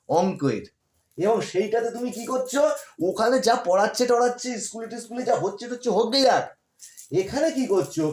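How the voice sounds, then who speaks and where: A man's voice: high-pitched, echoey room. A man who tutors school students online, giving encouraging study advice and checking in with "ঠিক আছে?" as he repeats his points.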